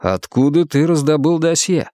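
A man voicing a weary, guarded former detective who speaks in terse, wry, measured lines. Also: on the high side, expressive, mellow, no echo, clean studio sound, close to an everyday voice.

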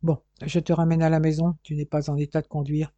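A man's voice: a little high, flat delivery, fairly quick, warm tone, no room sound, dull audio, lightly acted. A man voicing a blunt, practical young brother who scolds and worries. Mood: scolding.

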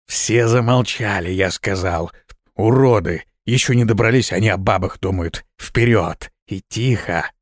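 A man voicing a curt male squad commander who barks hushed orders in the dark. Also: on the low side, unhurried, no room sound, studio quality. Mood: annoyed.

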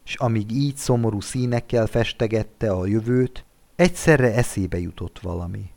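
A man narrating a classic literary story for an audiobook. He reads expressively, and his voice sits a little low. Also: vocal fry, darkish tone. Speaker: audiobook reader.

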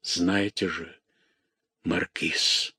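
A man reading an audiobook, voicing an old friar who speaks firmly and in measured words. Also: low voice, flat delivery, pushed and bright, breathy edge, dry recording, pitched below the performer's own voice, full character voice. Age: older. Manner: firm, measured. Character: elderly friar, firm and solemn.

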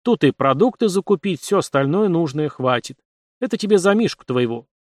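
A confident young nobleman who gives orders calmly and with a dry wit, as a male reader voices him. His voice is a touch high and very lively. It is close and dry. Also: brisk, dry recording. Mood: commanding. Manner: assured, matter-of-fact and commanding. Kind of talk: audiobook character voice.

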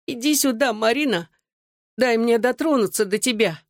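A woman doing a hoarse, pleading sick girl. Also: on the high side, lively intonation, moderate pace, no room sound, clean studio sound, pitched above the performer's own voice. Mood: hoarse beckoning. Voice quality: hoarse, whispering. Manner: weak, pleading.

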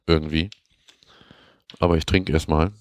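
Deep-voiced male podcast host, relaxed and grumbling, dry close sound with faint music. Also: normal speed, no echo. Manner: relaxed, grumbling, unprepared rambling. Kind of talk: podcast story reading and grumbling chat.

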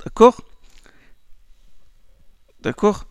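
A man's voice: drawn-out words, dry recording, studio quality. A man teaching Quran recitation rules in a lesson, explaining in French and chanting Arabic verses, often repeating words as he goes.

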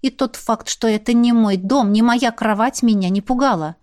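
A woman narrating a first-person fantasy audiobook in an expressive storytelling way. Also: a little high, normal speed.

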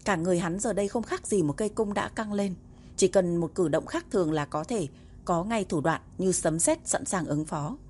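A woman reads a novel aloud as an audiobook narrator, steady and even. Her voice sits on the lower side for a woman. A faint hiss stays under the whole reading. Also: moderate pace. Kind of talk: storybook narration.

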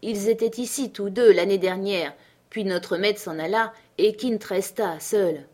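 A woman voicing a frightened middle-aged housekeeper who speaks in halting, hushed words while reading a storybook aloud. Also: mid-range voice, lightly acted. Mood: shaken.

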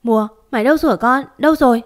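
A woman's voice: medium pitch, expressive, very fast, lightly acted. A woman voicing a worried father who asks anxious, urgent questions over the phone.

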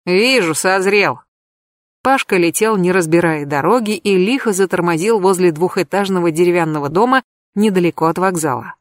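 A woman narrating a comic crime novel in the first person, in a lively, ironic storytelling manner. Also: on the low side, brisk, no room sound, clean studio sound. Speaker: audiobook narrator.

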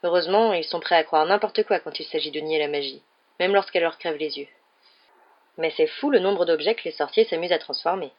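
A woman voices a weary middle-aged wizard father in a storybook, explaining things with enthusiasm yet sheepishness, and rambling and stammering when cornered. Her voice sits low and moves fairly quickly, with the highs cut off.

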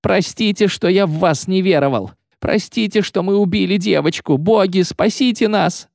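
A man's voice: high-pitched, moderate pace, vocal fry, darkish tone, dry recording, studio quality, voice pushed up. A man voicing a panicked merchant who begs the gods for mercy in a tearful, pleading voice. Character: panicking wailing male merchant, praying.

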